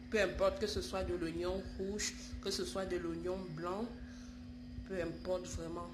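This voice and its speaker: A YouTube host with a cold-stuffed voice leads a home remedy tutorial from her home, affectionately calling viewers "darlings." Her fairly low voice sounds reverberant, and she often repeats and restarts her phrases.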